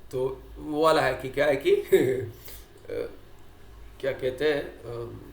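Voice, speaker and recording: A man teaching a scripture class, explaining with questions and little acted dialogues, and reciting Sanskrit lines slowly. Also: mid-range voice, fairly even intonation, vocal fry, roomy sound, slight background noise. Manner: quotes Sanskrit text slowly. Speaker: Vedanta teacher.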